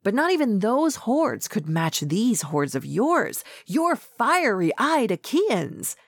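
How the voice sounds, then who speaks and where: A woman's voice: on the high side, sing-song, slow pace, no room sound, studio quality, pitched above the performer's own voice, exaggerated voice. Old king, kind and awed, as an audiobook reader puts him on. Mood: wondering. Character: aged grieving king, gentle and wondering.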